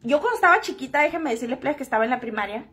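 A woman's voice: high-pitched, lively intonation, very fast, a bit bright. A woman telling a personal story to camera in a frank, joking, crude-spoken way. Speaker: vlogger.

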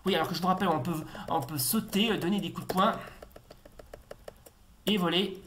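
A man talks through a retro game as he plays it, rambling and full of fillers. He jumps into repeated excited warnings and exclamations. Faint background noise and keyboard clicks sit under his voice. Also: sits high, brisk. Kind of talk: casual gameplay commentary.

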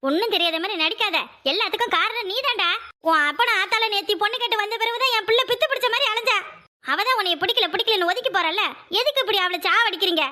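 Casting: woman playing an older cartoon village mother with a southern Tamil Nadu dialect, shrill and bright, fierce, pleading. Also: quick pace. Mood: furious. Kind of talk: cartoon voice acting.

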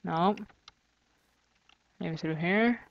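A gamer plays through a custom map, offering casual let's-play commentary as he thinks aloud, grumbles and cracks sarcastic jokes. His voice is gravelly and medium-pitched, with drawn-out words, and the audio sounds dull.

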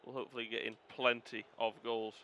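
Bright-voiced man calling football gameplay. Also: medium pitch, brisk, dull audio. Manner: calls the play like a commentator, excitable on goals, swears when frustrated. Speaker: gaming video host. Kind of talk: casual gameplay commentary.

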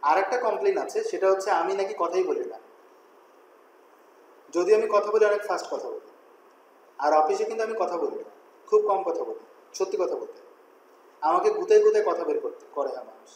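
A higher-pitched man lectures fast and loud in a web design class, peppering his students with questions and slipping English words into his talk. His voice rings in a very echoey room. A faint hiss of noise sits underneath. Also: expressive. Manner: chatty, addresses students directly with questions.

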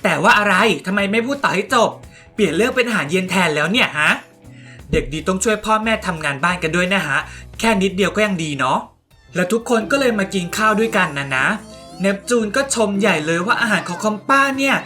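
A woman's voice: mid-range voice, quick pace, faint music behind. A woman casually retelling a game story and chatting with her viewers. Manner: animated, chatty, addresses viewers.

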